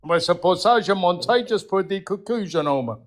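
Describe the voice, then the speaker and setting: A man's voice: sits high, animated, normal speed. A man calling into a live stream, friendly and amused. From southern France.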